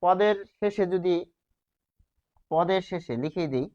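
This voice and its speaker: A man teaches a grammar class, walking through each rule one step at a time. He keeps asking his students questions and then answers them himself. His voice sits a little high, and the recording sounds slightly muffled. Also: a little slow, mellow. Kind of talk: grammar lesson at a whiteboard.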